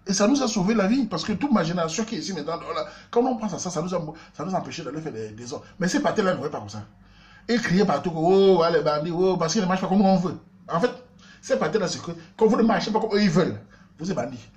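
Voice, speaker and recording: A man with a Cameroonian French accent telling a comic story, swinging between loud outbursts and low asides. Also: lively intonation, quick pace. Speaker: comedian.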